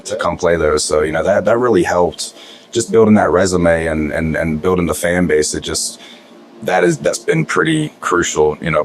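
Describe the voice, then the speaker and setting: A man, a musician guest, telling his story in a relaxed casual interview with frequent fillers. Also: deep voice.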